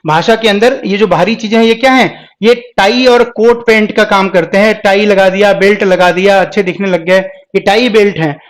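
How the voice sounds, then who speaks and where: High-voiced man teaching a live class. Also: moderate pace, hardly any pauses. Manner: explains step by step, keeps asking the class questions. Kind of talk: live exam-prep lecture.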